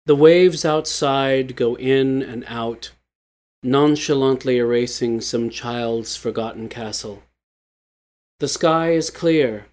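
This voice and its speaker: Man, literary story narration, very slow pace, measured, somber. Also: mid-range voice, a little mellow.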